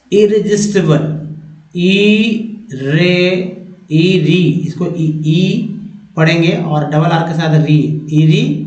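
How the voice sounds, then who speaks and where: A man teaching English spelling and pronunciation in a slow, deliberate classroom style. He repeats each word three times and keeps checking that his viewers follow. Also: a little high, darkish tone. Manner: addresses viewers as friends, often checks with "ठीक है". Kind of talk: spoken classroom lesson. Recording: roomy, dull lo-fi sound.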